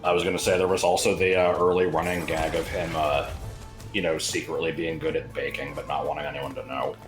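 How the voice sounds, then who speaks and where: A man's voice: extremely low pitch, little pitch movement, fairly quick. A young man trading wry jokes as a co-host on a game stream. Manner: wry, joking banter. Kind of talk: casual gaming stream chat. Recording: echoey room with music.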